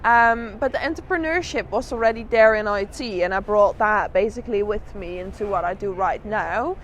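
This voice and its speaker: A woman's voice: medium pitch, moderate pace, a bit bright, dull audio. A woman giving a candid, reflective interview as a drag artist, telling her story with emphatic repeated phrases. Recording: noisy outdoor urban spot with traffic.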